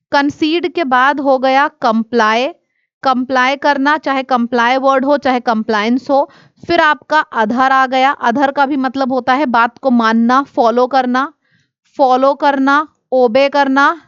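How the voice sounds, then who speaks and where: A woman teaching exam vocabulary, listing synonyms and antonyms in quick drilling runs. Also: high-pitched, fairly bright tone, dry recording, muffled recording. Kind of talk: exam-prep vocabulary lesson.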